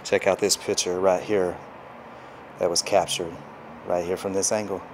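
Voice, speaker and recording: Awed low-voiced man touring. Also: little pitch movement, moderate pace, a little hiss or hum. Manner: awed, hushed, thinking aloud. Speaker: travel vlogger. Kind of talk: walking tour narration. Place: empty hotel suite, indoors.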